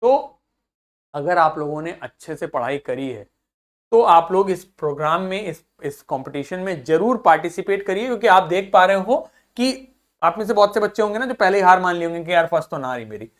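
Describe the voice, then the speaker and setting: Man slowly drilling word pronunciations. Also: high voice, animated. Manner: drills pronunciation slowly, repeating each word several times; friendly, addresses students as children. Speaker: teacher. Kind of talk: recorded video lesson.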